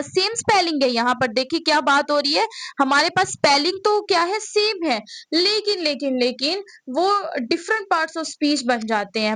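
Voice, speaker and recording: Pakistani lady teacher, high voice, dry close sound, keeps asking and answering herself. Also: a bit bright, dry recording. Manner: repeats questions and answers them herself, calls students "beta". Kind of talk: recorded lecture explaining slides.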